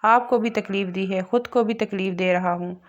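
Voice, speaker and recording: A woman's voice: mid-range voice, a little fast, highs cut off, close to an everyday voice. A woman voicing a tearful, childlike young husband who speaks in pleading, broken phrases. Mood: distraught.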